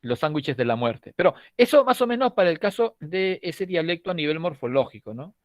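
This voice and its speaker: A man's voice: on the high side, lively intonation, brisk, no room sound. Middle-aged peruvian guy from lima teaching a class, chatty and jokey, dry close sound. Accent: Peruvian Spanish (Lima). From Lima, Peru. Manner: conversational, tags lines with "¿no?", jokes with students. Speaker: language teacher. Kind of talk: lecturing to a prep-course class.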